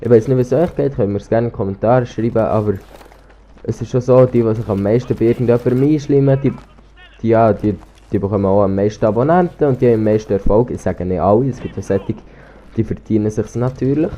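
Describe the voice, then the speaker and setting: A Swiss gaming YouTuber, a teenage boy with a Swiss German accent and a slight cold, chatters over gameplay in a rambling, hesitant way full of ums and false starts. His warm voice is on the low side and quick. The recording through his cheap gaming headset sounds muffled.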